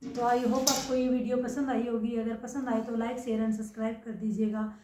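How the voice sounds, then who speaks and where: A young woman teaching a grammar lesson, her voice sitting a little high. She keeps asking questions and then answering them herself. She is recorded from a distance in an echoey room. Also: little pitch movement, measured pace, noisy background. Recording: echoey room, mic far away.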